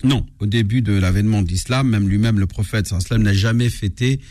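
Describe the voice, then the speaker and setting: A man's voice: lowish voice, rapid-fire, a little mellow, no room sound, clean studio sound. A man, an imam explaining religion in a live radio discussion, hesitant and searching for words. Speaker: imam, regular radio guest.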